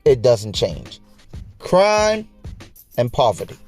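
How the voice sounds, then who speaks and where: Over soft background music, a late-twenties man speaks slowly in a mid-range, slightly mellow voice with huge pitch swings. He hosts a laid-back motivational podcast, chatting colloquially with listeners and repeating phrases to drive points home.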